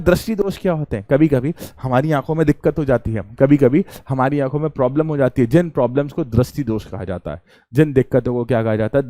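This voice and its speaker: A young male teacher giving a calm, chatty lecture, often asking a question and answering it himself. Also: a little high, dry recording, clean studio sound. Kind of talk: classroom lecture.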